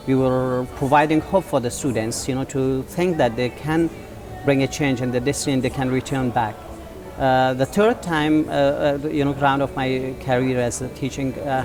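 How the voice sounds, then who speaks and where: This Afghan-accented teacher and school founder, in his forties, speaks at a medium pitch. He responds to interview questions with sincere, hesitant delivery full of drawn-out fillers.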